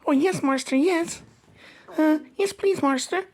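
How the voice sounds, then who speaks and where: High-pitched woman, eager little-servant act, childlike, sneaky teasing. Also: measured pace, darkish tone. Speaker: co-host playing a servant. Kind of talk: comic banter.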